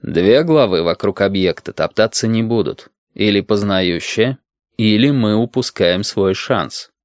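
A man voicing a composed male doctor who speaks coldly and in measured tones in an audiobook. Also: on the low side, no echo, studio quality. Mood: cool. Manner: cold, calm, measured. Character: cool, composed dark-haired male doctor. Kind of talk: audiobook character voice.

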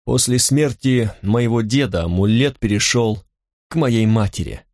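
A man voicing a tired, reserved young man who speaks quietly and drily. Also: mid-range voice, unhurried, no echo, lightly acted. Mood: guarded. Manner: quiet, restrained, dry.

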